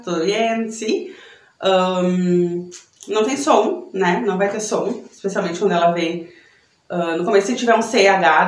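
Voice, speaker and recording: Young Brazilian woman, language teacher, chatty and friendly, mid-range voice, recorded in an echoey room. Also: mid-range voice. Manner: chatty, tag questions after each point. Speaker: Spanish teacher. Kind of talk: online language lesson.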